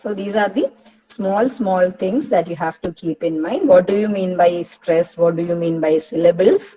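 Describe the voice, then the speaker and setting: Malayali lady tutor, slow careful lecture, repeats words, lowish voice. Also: warm tone, rough recording. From Kerala, India. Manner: explains step by step, repeats key words slowly. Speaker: English tutor. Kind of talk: exam-prep lecture mixing Malayalam and English.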